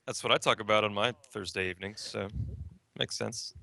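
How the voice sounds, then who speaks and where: A man talking as a game developer guest in a casual interview, animated and explaining. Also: lowish voice, fairly quick, vocal fry, no echo.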